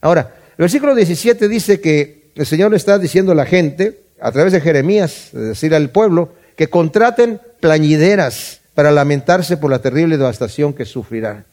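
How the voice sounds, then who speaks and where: A man's voice: on the high side, animated, moderate pace, few pauses, darkish tone. A middle-aged man from Mexico with a Mexican Spanish accent, teaching a Bible study in a conversational way, often repeating words and asking "¿verdad?".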